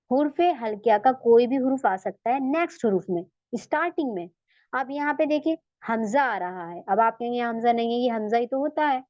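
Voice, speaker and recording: Woman, recitation teacher, patient and explanatory, slow repeats of Arabic words; muffled dry lo-fi audio. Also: high voice, darkish tone, dry recording. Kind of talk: online lesson. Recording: dull, dry, lo-fi recording.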